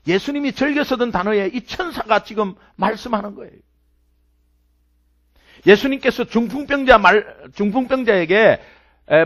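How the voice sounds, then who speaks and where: A middle-aged male pastor preaching with fervor. His voice sits high for a man and leaps up and down in pitch. He repeats key words and swings between loud and soft. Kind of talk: sermon.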